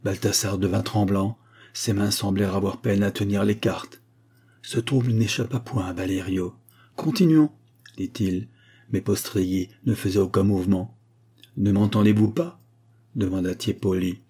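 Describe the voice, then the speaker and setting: Low husky male storyteller. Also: flat delivery, darkish tone. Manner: measured storytelling. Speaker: audiobook narrator. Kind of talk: scripted narration.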